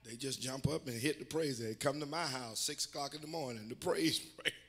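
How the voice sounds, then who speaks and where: A man's voice: mid-range voice, brisk, fairly bright tone, breathy edge. Older male preacher, folksy and emphatic. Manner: folksy preaching with constant amens, building to emphatic exhortation. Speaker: bishop and pastor. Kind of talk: sermon. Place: church sanctuary.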